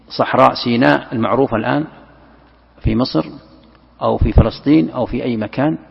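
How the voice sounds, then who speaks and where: A male religious teacher giving a classroom lecture, explaining step by step and posing and answering his own questions. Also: medium pitch. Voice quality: gravelly, husky voice. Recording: dull lo-fi lecture recording with long hall reverb.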